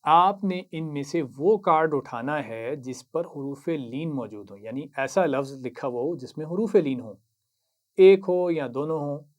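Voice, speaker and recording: A man with an Urdu accent teaching Quran reading, patiently explaining each word, reciting it slowly and praising the learner. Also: a little high, lively intonation. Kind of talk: slow instructional lesson.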